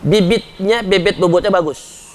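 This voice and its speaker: A man preaching a sermon to a congregation, talking conversationally and addressing them directly, at times rising to loud impassioned pleading. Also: sits high, moderate pace.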